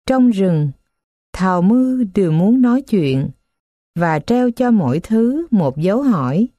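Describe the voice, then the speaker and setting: A woman reading children's stories aloud as scripted narration, with a slow, gentle storybook manner. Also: mid-range voice, no room sound, studio quality.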